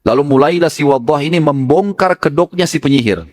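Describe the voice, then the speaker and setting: A man, an Islamic preacher, telling a story in a sermon, animated and mixing in Arabic phrases. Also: on the high side, brisk.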